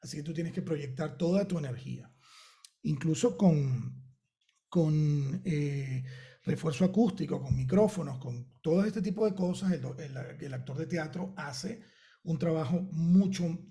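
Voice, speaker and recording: Man, venezuelan accent, very dark mellow tone, slightly high pitch, talkative, lively. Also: moderate pace. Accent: Venezuelan Spanish. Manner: talkative, lively, fillers while thinking. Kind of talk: conversational interview answers.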